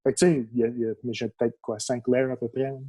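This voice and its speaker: Crowd noise fills the background as a young adult man talks rapid-fire at medium pitch. He's a native English speaker from Quebec with a Québécois accent, chatting casually as a podcast guest about his work as a toy photographer. His manner is relaxed, with many fillers and restarts.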